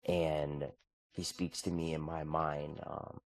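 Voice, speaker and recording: With an extremely low pitch and a slow delivery, a man in his thirties vlogs about his morning habits and faith. He's earnest yet relaxed, speaking conversationally and often starting over.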